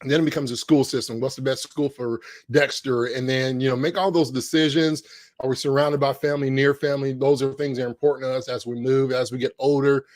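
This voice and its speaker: A middle-aged man's mid-range voice comes across level, brisk, and darkish, with no room sound. Co-hosting a podcast from a home corner on a podcast microphone, he chats casually and upbeat, stumbling through plenty of fillers and restarts.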